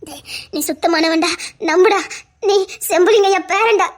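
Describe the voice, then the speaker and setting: A grief-stricken mother from a television drama, crying as she pleads. Her voice is very high, and her words come out tearful and broken. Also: normal speed. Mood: consoling. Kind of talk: TV serial acting.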